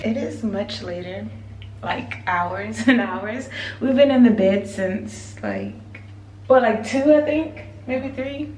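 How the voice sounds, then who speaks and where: A woman's voice: on the high side, slow pace, a little mellow. A young woman chatting casually to her camera in a resort hotel room, giggly and talking to her viewers as y'all. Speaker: vlogger. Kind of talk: casual travel vlog to camera. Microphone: handheld camera at arm's length.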